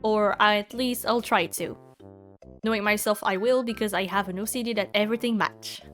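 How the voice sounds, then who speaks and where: A young bullet journal YouTuber from Quebec, Canada, gives casual voice-over commentary in English, her second language, with a Quebec French accent. She's chatty, laughs often and fills her speech with ums and likes. Her voice is medium-pitched, steady and a bit bright at a moderate pace, with faint music behind it.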